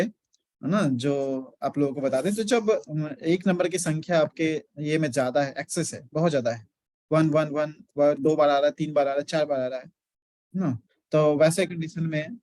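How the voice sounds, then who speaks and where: Man, acupressure teacher, high voice, dry close sound, step-by-step lecture, checks in often. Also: moderate pace, darkish tone, dry recording. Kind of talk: Hindi-English lecture class.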